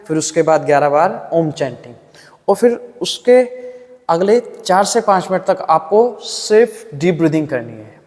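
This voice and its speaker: A man leads a yoga breathing lesson in a calm, patient voice, explaining each step and demonstrating the breaths and hums aloud. His voice sits fairly high for a man. A long reverb trails after his words. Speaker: yoga instructor.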